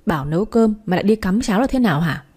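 A cranky old grandmother scolds and grumbles her way through each line, voiced by a woman reading a story aloud. The voice is mellow and warm with a slight husk, and she complains more than she talks. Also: medium pitch, lively intonation, very fast, slightly rough. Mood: scolding. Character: scolding old grandmother, grumpy and quick to blame.

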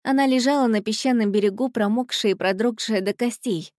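A woman reading a storybook aloud in an expressive, scripted narration style. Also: a little high, fairly quick, no echo, studio quality. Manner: expressive, voices the characters in quotes.

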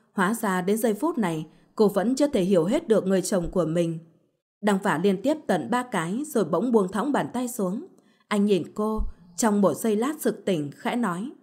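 A woman narrates a bedtime story in scripted narration. Her delivery is steady and even throughout. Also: medium pitch.

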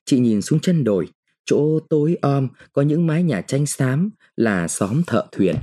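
A man reading a short story aloud in a slow, measured storytelling manner. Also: mid-range voice, animated, dark tone. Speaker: narrator. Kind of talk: scripted short-story narration.

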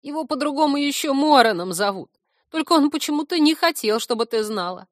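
Creaky, squeaky little male stump spirit, whiny and self-pitying, high and crisp close-up, voiced by a woman. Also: lively intonation, fairly quick, no room sound. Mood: whining. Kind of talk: audiobook character voice.

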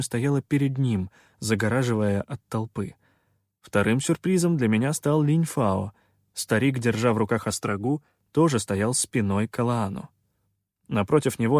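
A man narrating a first-person fantasy audiobook in a measured, expressive storytelling voice. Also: medium pitch, dry recording, studio quality.

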